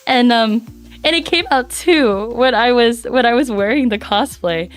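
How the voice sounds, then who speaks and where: A woman streamer chats with viewers in a bubbly, giggly way. Her fairly high voice comes out raspy and hoarse after days of coughing. Soft background music plays under her. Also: moderate pace. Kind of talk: casual chat stream. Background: faint background music.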